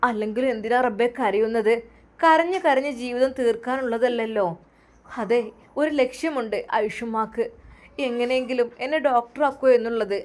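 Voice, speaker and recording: A woman's voice: on the high side, moderate pace, natural voice. A woman voicing a hurt young wife. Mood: resolved. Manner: soft, pleading inner monologue.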